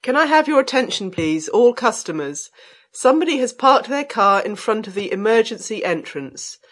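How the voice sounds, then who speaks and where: Woman giving clear announcements. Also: a little high, lively intonation, normal speed. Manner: clear, firm announcer delivery. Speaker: announcer in a listening exercise. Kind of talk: scripted public announcements.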